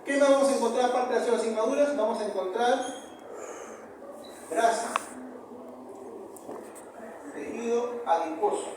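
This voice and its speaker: A man with a Peruvian accent giving a university histology lecture, often repeating key terms and asking the class quick questions. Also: extremely high pitch. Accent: Peruvian Spanish. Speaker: histology professor. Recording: very echoey room, far from mic, noisy.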